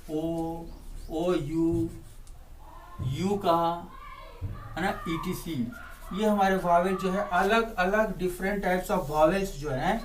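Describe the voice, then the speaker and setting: An Indian man teaching a spelling lesson, switching between Hindi and English and repeating words to drill their sounds. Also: fairly high pitch. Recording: distant mic, faint background noise.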